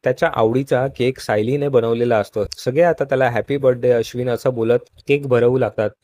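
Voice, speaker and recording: A man's voice: medium pitch, brisk. Man narrating a TV serial recap. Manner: steady storytelling, addresses viewers as friends. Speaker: show recap host.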